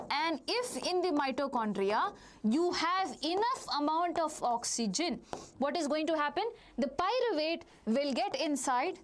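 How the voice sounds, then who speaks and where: A woman's voice: sits high, a little hiss or hum. A woman with an Indian accent teaching a live online lesson, repeating phrases, asking questions and answering them herself while addressing students directly. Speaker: biology teacher.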